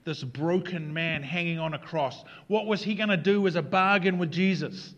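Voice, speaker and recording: A man preaching a sermon as pastor, moving between loud acted quotes and hushed, whispered lines. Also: fairly high pitch, normal speed, lo-fi sound.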